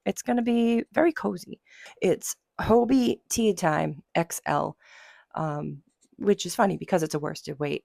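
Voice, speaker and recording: Sick mom in her 30s chatting about knitting, low husky voice, super gravelly. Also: a little mellow, dry recording, clean studio sound. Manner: rambling, chatty, with fillers. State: hoarse from a cold. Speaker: knitting vlogger. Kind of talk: casual chat.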